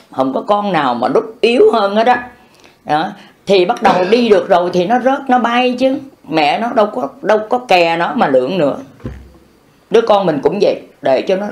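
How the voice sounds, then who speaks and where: An older man giving an improvised Buddhist dharma talk, folksy and scolding, acting out bits of everyday dialogue. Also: sits high. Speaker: Buddhist monk teacher.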